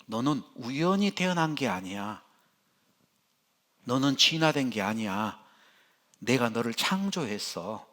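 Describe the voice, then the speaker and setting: A man's voice: mid-range voice, sing-song, a little slow, long pauses, a bit bright. A male pastor voicing God as a fatherly male creator, speaking in firm, reassuring declarations.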